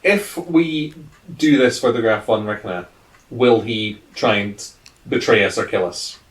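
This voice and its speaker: A man, a player in a casual tabletop game who eagerly plans his moves out loud. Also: on the low side, unhurried. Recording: echoey room, mic off at a distance.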